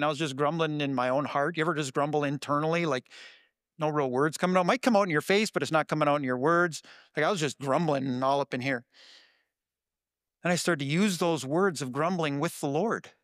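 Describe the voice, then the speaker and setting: A man preaching a sermon in an earnest, conversational way, his voice sometimes jumping up with excitement. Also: fairly high pitch, no room sound, studio quality. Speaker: pastor.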